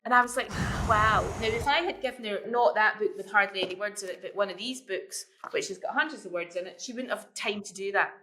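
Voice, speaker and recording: A woman's voice: medium pitch, fast talker, few pauses, sharp tone, slight background noise. A middle-aged woman who works as an early years educator, talking as a guest on a casual podcast. She tells stories with lots of energy and often repeats words as she starts a thought.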